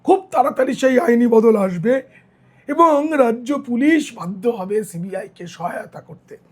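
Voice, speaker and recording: Hoarse middle-aged guy doing news commentary, real high raspy voice, sounds worn out. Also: expressive, measured pace. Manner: earnest, direct address to viewers. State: hoarse, tired voice. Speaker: journalist and commentator.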